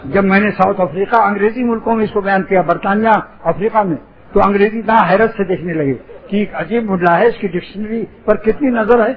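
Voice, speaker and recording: A man with a high voice preaching a light-hearted sermon, full of playful puns and teasing asides. The recording sounds dull and lo-fi. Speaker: Islamic preacher. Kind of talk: humorous sermon.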